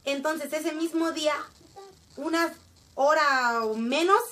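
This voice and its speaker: A young woman, casually telling a family story to her viewers in an animated, direct way. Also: high voice, slow. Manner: animated, addresses viewers directly, frequent restarts and fillers.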